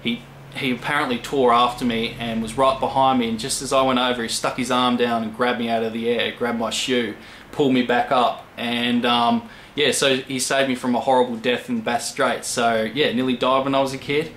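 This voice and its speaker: A man in his twenties with an Australian accent, chatting casually to camera as a channel host, rambling with many pauses. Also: mid-range voice, little pitch movement, a bit bright, slight background noise. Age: 20s. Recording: echoey room.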